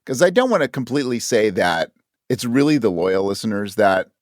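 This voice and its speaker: Here the same audio drama creator talks as a podcast guest in a relaxed interview, fairly low-pitched and sing-song, a little fast, earnestly acting out imagined remarks with emphasis. It's studio quality with no room sound.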